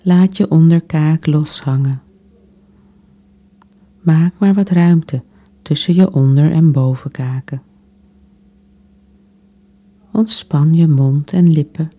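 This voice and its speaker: Very slow, dark-voiced woman guiding relaxation. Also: low voice. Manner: soft, soothing, unhurried with long pauses. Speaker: relaxation exercise guide. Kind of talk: guided relaxation meditation.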